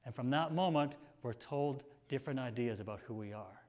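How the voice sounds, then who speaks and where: A male minister preaching a sermon, reading passages aloud, slow and tender on some lines and rising with emphasis on others, sometimes dropping almost to a whisper. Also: mid-range voice. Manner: drops to a near whisper at quiet moments.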